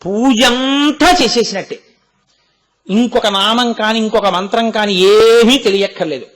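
A man speaks in a strikingly high voice as he gives a devotional discourse. He teaches through homely examples and rhetorical questions put to his listeners. He also recites Sanskrit verses in a chanting cadence. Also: measured pace, fairly bright tone. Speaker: spiritual speaker.

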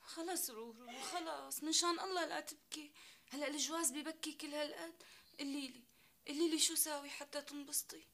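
An actress playing a brisk young sister, over music. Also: female voice, high-pitched, steady tone, vocal fry, sharp tone, recorded from a distance, slight background noise, heavily acted.

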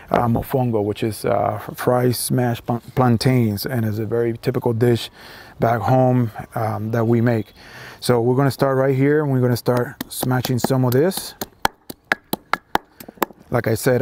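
A man's voice: mid-range voice, background noise. A man in his forties from Puerto Rico with a Puerto Rican accent, explaining a recipe step by step in an easygoing way, with lots of fillers, outdoors on a patio with a lapel mic. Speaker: cooking demonstrator. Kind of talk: casual cooking demonstration. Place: outdoor patio beside a house.

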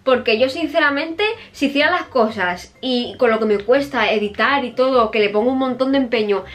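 A woman's voice: fairly high pitch, a little fast. A young woman from Spain with a Spain Spanish accent, chatting bluntly as she answers viewer questions in a casual vlog and swearing freely.

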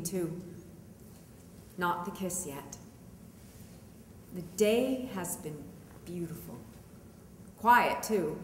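Echoey, slow, dramatic reading by a woman as lovelorn painter. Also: mid-range voice, close to an everyday voice. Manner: slow, dramatic delivery with deliberate pauses. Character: Georgia O'Keeffe, devoted, wry painter writing love letters. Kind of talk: theatrical dramatic reading of letters. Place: indoor art gallery. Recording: echoey hall reverb, noticeable room noise.

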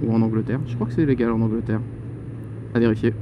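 Chatty twenties motovlogger on the move, dull helmet mic, clear road noise. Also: male voice, medium pitch, steady tone, fast. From Paris suburbs. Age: 20s. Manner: chatty, joking, exclaims "oh là là". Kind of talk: casual vlog while riding a motorcycle. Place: motorcycle on city roads. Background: traffic and horns.

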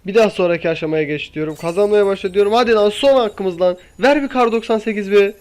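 A gaming YouTuber, a young man with a high, darkish voice, commentates casually on his gameplay at a quick pace. He keeps impatiently pleading with and coaxing the game while faint music plays behind him.

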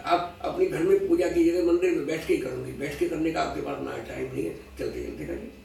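Man teaching like a scholar in an interview, kinda high gravelly voice, sounds far off in an echoey room w faint hiss. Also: expressive, a little fast, a little mellow. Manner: patient teacherly explaining with everyday examples; mixes English phrases into speech. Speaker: astrology scholar being interviewed. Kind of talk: explanatory interview talk.

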